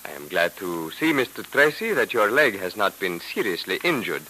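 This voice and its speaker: An actor in old radio drama style playing a courteous, resigned Egyptian cult captive with formal, deliberate phrasing. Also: male voice, sits low, sing-song, bright, forceful tone, heavily acted. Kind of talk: 1940s radio drama acting. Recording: noisy vintage radio recording.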